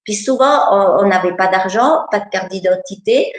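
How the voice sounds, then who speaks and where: A woman's voice: medium pitch, normal speed, reverberant, low-quality recording. A woman giving a personal testimony, speaking hesitantly with many filler sounds.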